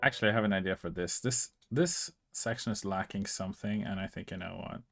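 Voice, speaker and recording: Low-voiced Norwegian man musing. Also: brisk, gravelly, soft background music. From Norway. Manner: musing, chuckling self-talk. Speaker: composer. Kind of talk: casual chat while composing.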